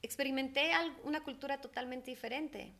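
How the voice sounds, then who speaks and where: Talking brisk and high-pitched, this interview guest is a young adult holistic therapist from Ecuador. She is casual and animated, laughs a lot and puts on voices when she quotes people.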